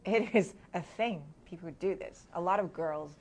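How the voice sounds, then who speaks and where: She's a thirty-something guest from Hong Kong, sharing candid reflections in an interview and laughing gently between ideas. The voice is fairly low at a normal speed, with a little hiss or hum in the recording.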